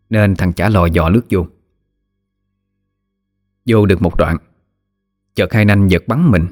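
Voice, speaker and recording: A man with a Southern Vietnamese accent narrating a folk ghost story in a lively, vivid way. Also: fairly low pitch.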